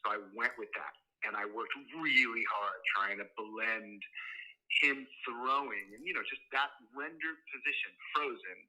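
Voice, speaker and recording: A man's voice: medium pitch, measured pace, sharp tone, rough recording. A man talking casually as a guest artist, heard through a phone on speaker with a laid-back, rambling, enthusiastic manner. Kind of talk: casual live chat. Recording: phone on speaker held away from the mic.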